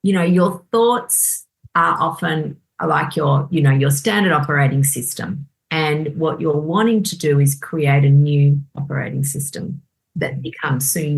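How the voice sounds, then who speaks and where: A woman, a doctor on a podcast, explaining in a lively chatty way and acting out inner voices. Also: low voice, unhurried, vocal fry. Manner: animated, acts out inner voices. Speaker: doctor guest. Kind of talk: casual podcast conversation.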